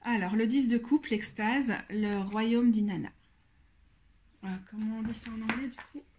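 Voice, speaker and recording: A woman's voice: fairly high pitch, fairly even intonation, a little mellow. Hesitant, thoughtful woman reviewer. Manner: thoughtful, hesitant, often pauses to search for words. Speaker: tarot deck reviewer. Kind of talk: casual walkthrough of a card deck.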